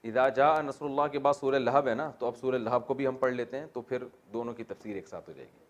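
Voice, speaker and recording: Man teaching a lively Quran grammar class. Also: mid-range voice. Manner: explains grammar with questions to the class and joking asides. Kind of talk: classroom Quran exegesis lesson.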